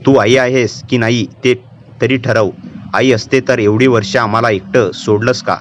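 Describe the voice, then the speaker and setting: A man narrates a story, lightly acting as a young girl possessed by a vengeful female spirit, taunting calmly in a cold, menacing tone. His voice is medium-pitched and unhurried, and the recording is muffled with a little hiss or hum.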